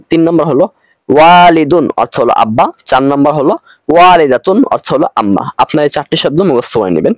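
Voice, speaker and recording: A man's voice: mid-range voice, no room sound. Patient man teaching Arabic grammar. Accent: Bangladeshi Bengali. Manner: patient, repeats each point, slows for Arabic phrases. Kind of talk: recorded online grammar lesson.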